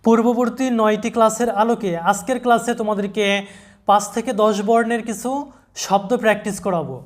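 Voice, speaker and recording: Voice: mid-range voice, steady tone, a little fast. Patient teacher spelling words aloud. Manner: patient, spells words letter by letter and repeats them. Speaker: English pronunciation teacher. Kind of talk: step-by-step spelling lesson.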